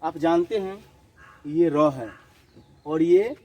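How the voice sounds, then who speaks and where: A man teaching a children's grammar lesson, his voice a little higher than most men's, with a mellow, dark tone. He repeats each definition slowly and asks questions before answering them himself, slipping English words in along the way. Birds and outdoor rural sounds can be heard faintly behind him. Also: low-quality recording. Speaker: school teacher.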